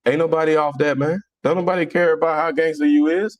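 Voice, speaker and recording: This time the Philadelphia livestream host sounds fairly high-pitched and fast, with fairly even intonation, as he mocks and bluntly answers viewers in a casual religious debate. The audio is dry and dull.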